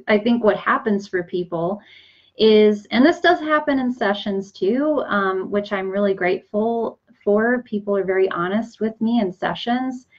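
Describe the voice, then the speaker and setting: A woman coach explaining manifesting in a casual, unhurried talk, with many fillers and restarts. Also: medium pitch, dull audio. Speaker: energy coach.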